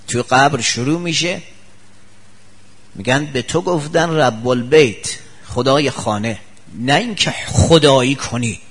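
A male preacher giving a sermon full of anecdotes, acting out the people he quotes with sudden jumps in his voice. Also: slightly rough. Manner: acts out quoted people with sharp pitch jumps.

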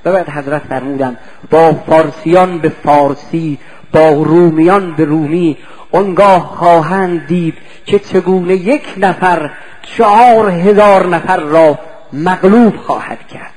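A high-pitched man delivers a fervent religious sermon. He draws out emphatic phrases and often turns to his listeners with direct questions. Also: a little mellow, low-quality recording. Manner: impassioned, dramatic, drawn-out emphatic phrases. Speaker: preacher.

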